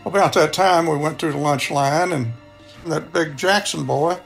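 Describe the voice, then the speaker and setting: An older Texan man, a radio show contributor, spins a folksy personal story and acts out the dialogue as he goes. His voice is fairly high and creaky, at a moderate pace, with faint music in the background.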